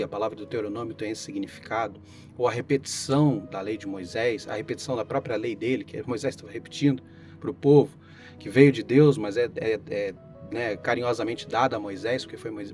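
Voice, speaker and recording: A man's voice: fairly low pitch, darkish tone. Brazilian man teaching with a tired, failing voice. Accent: Brazilian Portuguese. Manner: didactic, checks in with listeners. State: voice tired and failing after a flu. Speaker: pastor teaching Bible study. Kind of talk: informal explanatory Bible lesson. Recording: guitar music behind the voice.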